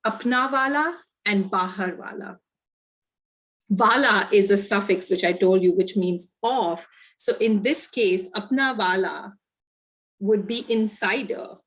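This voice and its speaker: On a video call, a guest speaker from India gives a webinar presentation, telling stories reflectively with lively emphasis. She has an Indian accent and a mid-range voice, and the recording is rough.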